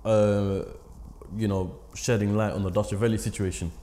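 A man's voice: lowish voice, level tone, normal speed, warm tone. A man with a London accent interviewing someone in casual, slangy chat.

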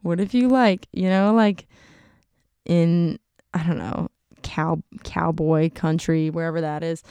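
A young adult YouTuber chats casually on her own channel, giggling often and saying "like" constantly. Her voice is on the low side, dark and smooth with a steady tone, and she takes it slowly in a dry recording.

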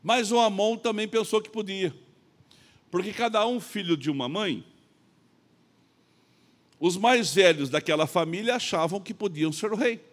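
A middle-aged man preaching a sermon in church, telling a story with lots of acted-out dialogue, swinging between loud and soft. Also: sits high, expressive, a little slow, pauses often. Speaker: pastor.

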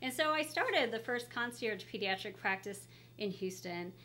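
A woman's voice: fairly high pitch, animated, normal speed, a bit bright. A middle-aged woman chatting casually as a pediatrician guest in an interview, speaking through a face mask. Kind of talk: casual interview, telling career story.

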